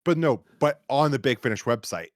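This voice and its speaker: The podcast host, a man from the United States, speaks a little fast in an expressive, mid-range voice, captured at studio quality with no room sound. It's casual review chat, wordy and full of stammering restarts.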